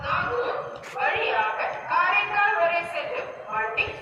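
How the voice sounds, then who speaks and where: A woman making a formal railway station announcement over a loudspeaker, reading train numbers and stops in a measured, evenly spaced way. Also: very high voice, very animated. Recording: distant echoey loudspeaker in a station, dull lo-fi, faint noise.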